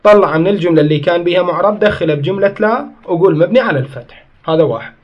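High-voiced man teaching grammar. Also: expressive, racing, dull audio. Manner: explains step by step, asks and answers his own questions; corrects himself mid-sentence. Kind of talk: classroom grammar lesson.

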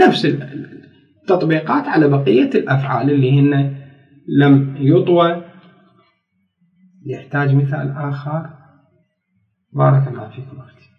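A man with an Iraqi Arabic accent teaching a grammar lesson, going step by step and often checking whether his students follow. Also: a little high. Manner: reads rules from a book slowly, then explains. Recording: roomy, distant and dull.

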